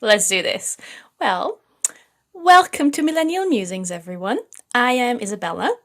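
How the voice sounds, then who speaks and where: Woman from Austria, thirties, relaxed supportive podcast co-host, soft asides. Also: on the high side, moderate pace. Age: 30s. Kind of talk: casual podcast chat.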